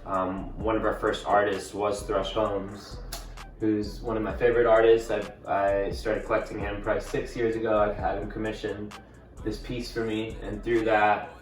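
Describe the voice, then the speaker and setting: Brief: thirties male collector from Italy, unhurried and halting, faint music under a roomy recording. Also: fairly low pitch, little pitch movement. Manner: unhurried, halting, often says "you know". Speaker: art collector and gallery owner. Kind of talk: casual interview monologue. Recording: roomy sound from a distant mic with faint music.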